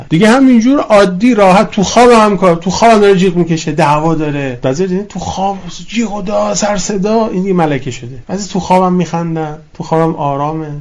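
A man gives a religious ethics lecture, his voice a little higher than most men's. He speaks in a relaxed, conversational way, often shifts his pace, and weaves recited Arabic phrases into plain explanation. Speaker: cleric lecturer.

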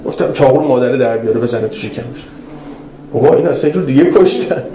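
A man preaching a religious lecture, telling stories in an animated way that swings between raised and hushed passages. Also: mid-range voice, slight background noise. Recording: roomy hall with faint ambience.

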